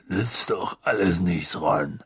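A male audiobook narrator voicing a huge, gloomy half-giant gamekeeper in a slow, low, dejected manner. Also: husky, dry recording, heavily acted. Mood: resigned. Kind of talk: audiobook character voice.

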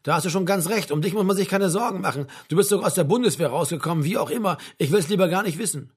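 Man doing a middle-aged mother, weary, blunt, scolding, husky voice, audiobook. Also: high-pitched, quick pace. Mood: tired, tender. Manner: scolding, tired, sharp-tongued. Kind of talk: audiobook character voice.

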